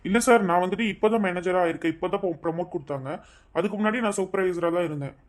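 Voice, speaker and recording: A woman voicing a cheerful young groom in a cartoon, speaking in an eager, rapid, friendly way. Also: on the low side, lightly acted. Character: cheerful young groom, grinning office manager. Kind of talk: cartoon voice acting.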